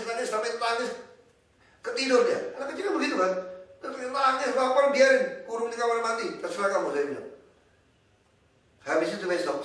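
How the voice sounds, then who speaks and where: A man's voice: sits high, a bit bright. A man who is a government official talks bluntly and animatedly with parents in an informal meeting, often laughing between points. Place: indoor reception room. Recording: echoey room, distant mic.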